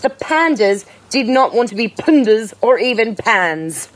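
A woman reading a children's picture book aloud in a lively, playful way. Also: a little high, a little slow. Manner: lively, playful, occasional laughs. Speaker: storyteller.

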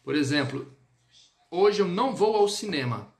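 A man's voice: high-pitched, lively intonation, unhurried, gravelly. A man teaching a live online French lesson, speaking to viewers on a phone or webcam mic and checking in with them often.

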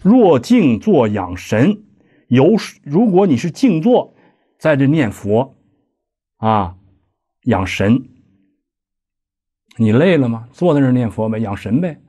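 A man's voice: mid-range voice, very animated, a little slow, pauses often, warm tone. A man giving a lecture, explaining a classical text line by line with conversational asides and rhetorical questions. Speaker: lecturer on Buddhist practice. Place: lecture hall.

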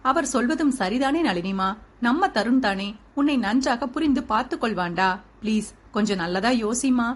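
A woman reading aloud, voicing a gentle older sister-in-law who pleads softly. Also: a little high, lively intonation, moderate pace. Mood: soft, pleading. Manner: soft, pleading.

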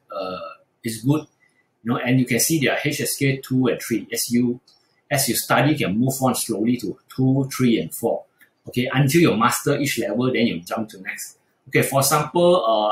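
A man's voice: mid-range voice, reverberant, low-quality recording. A man teaching beginner Mandarin in a screen-recorded tutorial, talking hesitantly with frequent fillers and restarts.

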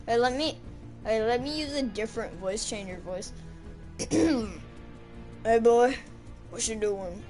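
Woman through a pitch-shifting voice changer. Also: lively intonation, slow, long pauses, over music. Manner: giggly, playful, keeps switching voices. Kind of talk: casual game voice chat.

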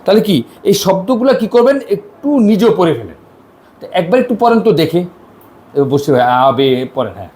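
Teaching a class, this man with a Bangladeshi Bengali accent drills pronunciation, repeats words slowly and makes sure students are keeping up. His high voice is mellow yet swings widely in pitch, and the recording carries a slight hiss or hum.

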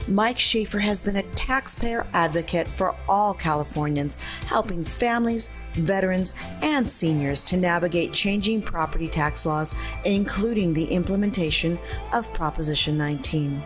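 Lady narrating a promo, low voice, faint music under. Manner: steady, promotional. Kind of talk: scripted narration.

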